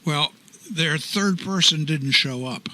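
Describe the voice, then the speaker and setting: An older man, artistic director of a choral society, is a guest in a genial radio studio interview, telling stories with a chuckle. His voice is on the high side, slow and sharp-toned, and the recording quality is low.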